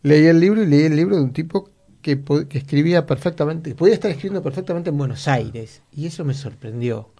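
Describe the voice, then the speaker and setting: A man with an Argentine accent interviewing a writer, asking curious, measured questions. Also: on the high side, mellow. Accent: Argentine Spanish. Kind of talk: conversational interview.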